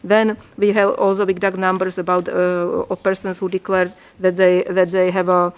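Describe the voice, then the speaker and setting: A woman, a delegation member giving formal testimony at a committee hearing, speaking slowly and filling her sentences with restarts and hesitations. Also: on the low side, level tone, clean tone. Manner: hesitant, many fillers and restarts.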